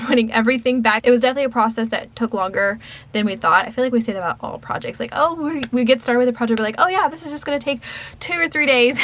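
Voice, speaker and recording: A young woman giving a chatty, upbeat closet tour for her vlog, talking to camera with light laughs. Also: mid-range voice. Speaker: home organization vlogger.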